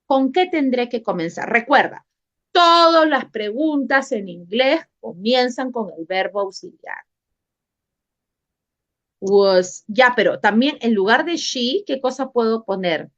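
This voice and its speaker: A woman's voice: fairly high pitch, lively intonation, takes it slowly. A woman English teacher, running an online class, patiently repeating questions and calling on students by name. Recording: dull lo-fi online class audio.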